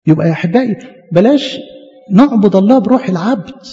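A man's voice: sits high, expressive, fast, warm tone. A male priest with an Egyptian Arabic accent preaching a sermon, passionately acting out biblical dialogue with his voice rising. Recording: dull audio with long church reverb.

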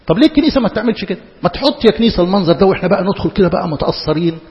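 A man's voice: high voice, expressive, very fast. A man with an Egyptian Arabic accent preaching a sermon in an impassioned, rhetorical way, firing questions at his listeners. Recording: echoey hall, dull lo-fi sound.

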